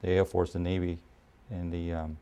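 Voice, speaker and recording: A Puerto Rican-born man in his fifties, raised in New York City, speaks as an army officer in a documentary interview. His low voice is mellow and clean, his delivery flat, and he moves at a measured pace with frequent pauses and fillers.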